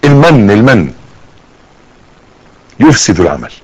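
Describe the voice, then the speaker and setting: A man's voice: lowish voice, a little slow, husky, poor audio. A middle-aged man with an Egyptian accent giving a sermon, acting out small scenes as he talks. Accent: Egyptian Arabic. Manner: lively, acts out little scenes with rising and falling voice. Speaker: preacher.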